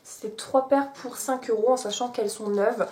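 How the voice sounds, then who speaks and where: A young woman chatting casually to camera from her bed, showing what she bought, with many small pauses. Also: a little high, steady tone, darkish tone. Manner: chatty, many fillers and restarts. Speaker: vlogger. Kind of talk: casual haul vlog. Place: bedroom, sitting on her bed.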